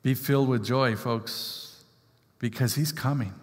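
A man's voice: medium pitch, fairly even intonation, unhurried. A man preaching a sermon in a conversational style, rousing the congregation with repeated calls of "Amen?". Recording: long hall reverb.

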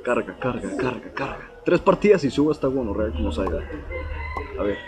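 A man giving excited live gameplay commentary at home, cursing at opponents, recorded on a laptop's built-in mic. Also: medium pitch, fairly quick, background noise. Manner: excitable, swears and shouts at opponents. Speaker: gaming YouTuber. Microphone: laptop's built-in mic, no external mic. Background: a TV playing in the background.

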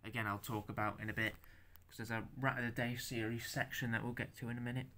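Speaking at a medium pitch and with flat delivery, this young man walks through the stop-motion figures he made by hand. It's a casual show-and-tell where he stammers, halts, curses occasionally, and seems uneasy hearing himself speak.

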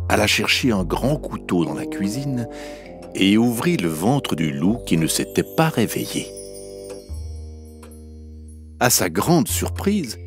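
A man reading a fairy tale aloud for children, in a gentle, unhurried, expressive storytelling manner. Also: fairly low pitch.

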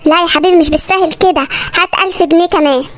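A performer voicing a jealous, nagging wife in an animated sketch, speaking with an Egyptian accent. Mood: scheming. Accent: Egyptian Arabic. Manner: shrill, nagging, quick-tempered. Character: jealous shrill wife accusing husband.

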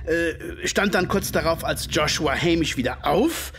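An actor playing an earnest, easily astonished Victorian doctor in a German radio play, expressive and sometimes hesitant. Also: male voice, fairly high pitch, measured pace, slight background noise. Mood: bewildered. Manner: expressive, hesitant when puzzled, emphatic. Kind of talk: German radio play, dialogue and first-person narration.

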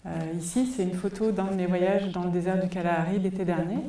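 A French woman in her forties gives a conference talk, thoughtful and full of hesitation fillers, on a headset mic in a large cinema hall. Her low-leaning, warm voice is quick with fairly even intonation, and it sounds far off amid the hall's echo.

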